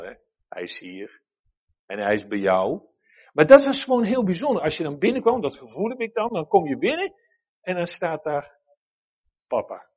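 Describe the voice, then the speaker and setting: A man preaching a sermon in an earnest, animated way, often restarting his sentences. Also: high-pitched, slightly rough, dull audio.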